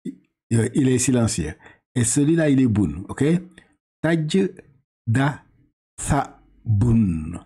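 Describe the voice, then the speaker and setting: A Senegalese man with a Senegalese French accent gives a patient one-on-one reading lesson. He talks very slowly, stretches out each syllable, and often restarts his sentences. His voice is mellow and a little husky. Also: medium pitch, big pitch swings. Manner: patient, slow drawn-out syllables, repeats and corrects, halting restarts. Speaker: Quran reading teacher.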